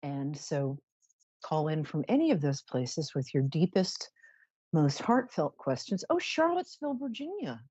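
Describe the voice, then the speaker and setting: A woman's voice: low-pitched, animated, unhurried, warm tone, breathy edge, no room sound, highs cut off. A woman hosting a live psychic show in a chatty monologue, with a campy, theatrical, drag-queen-like delivery and playful, tongue-in-cheek grandiosity. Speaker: psychic radio show host.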